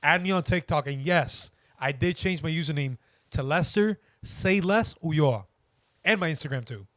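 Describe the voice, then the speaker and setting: A man's voice: fairly high pitch, moderate pace, a bit bright, no echo, studio quality. A young man in his early twenties, a podcast guest, talking in an easygoing, rambling way with many hesitations. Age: young adult. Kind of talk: casual interview.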